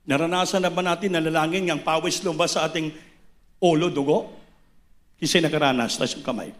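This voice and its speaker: A man preaching a sermon, impassioned, swinging between shouted lines and hushed low passages. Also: steady tone, brisk.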